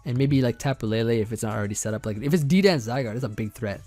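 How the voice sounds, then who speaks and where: A young competitive Pokemon team builder talks through his build in a relaxed, rambling way, full of fillers, restarts and light laughs, his mid-range voice turning a bit hoarse. He speaks fast over soft background music.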